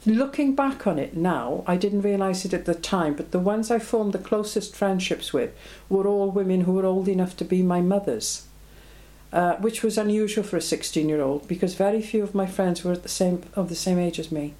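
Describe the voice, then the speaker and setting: Interviewed for an oral history, a Belgian woman in her seventies answers in a low, mellow voice at an ordinary speed. Her speech is reflective and plain, peppered with ums.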